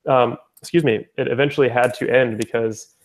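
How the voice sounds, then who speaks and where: A young man explaining something in a loose, rambling way, full of fillers and self-corrections. His voice sits at an ordinary middle pitch and stays very flat, with little rise or fall. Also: fairly quick. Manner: rambling, with many fillers and restarts. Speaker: founder presenting his language-exchange platform. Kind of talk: casual spoken presentation.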